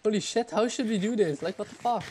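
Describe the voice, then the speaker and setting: A man hosting a co-op game video, chatting casually, swearing and shouting out now and then. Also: high voice, fast, a little hiss or hum. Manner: swears a lot, sudden loud outbursts. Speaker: gamer host. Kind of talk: casual gameplay chat.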